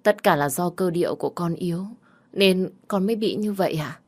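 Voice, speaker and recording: A woman's voice: fairly low pitch, a little fast, darkish tone. A woman voicing a scheming, vengeful young woman in a narrated story. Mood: meek.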